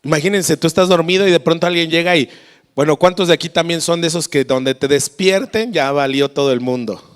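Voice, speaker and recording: Lively Mexican preacher in a reverberant hall. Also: male voice, on the high side, brisk, clean tone. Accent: Mexican Spanish. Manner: lively, storytelling, acts out voices. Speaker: pastor. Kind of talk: sermon. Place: church.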